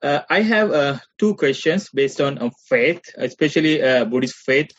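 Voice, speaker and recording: A man's voice: mid-range voice, expressive, moderate pace. A man from Sri Lanka, a seminary student politely asking hesitant questions. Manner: polite, hesitant, many fillers. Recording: dull lo-fi audio.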